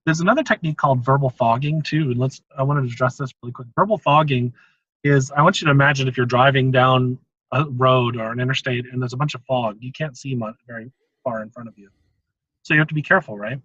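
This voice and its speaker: A man's voice: mid-range voice, quick pace, a bit bright, slightly rough, no room sound, lo-fi sound. A man hosting an interview, explaining conversation techniques in a casual, teaching way with frequent chuckles. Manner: explanatory, chuckles often between points. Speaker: host.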